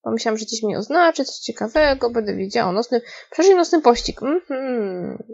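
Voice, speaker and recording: A woman's voice: a little high, animated, a little fast, vocal fry, darkish tone, slightly rough, no room sound, dull audio. Chatty woman narrating her gameplay. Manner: chatty, talks to herself, swears and yelps when scared. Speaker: gaming streamer. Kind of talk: casual let's-play commentary.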